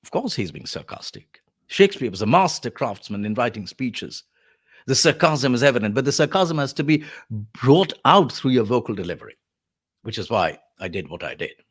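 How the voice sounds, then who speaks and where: A male voice artist giving a spoken lesson on vocal delivery, explaining in a lively way with quick asides. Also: mid-range voice, slightly rough.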